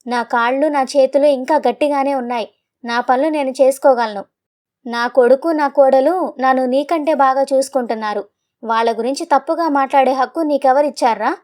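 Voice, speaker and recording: Furious old father over seventy, proud and scolding, storybook tale, read by a woman, high voice. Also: normal speed, lightly acted. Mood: angry. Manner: shouting, scolding.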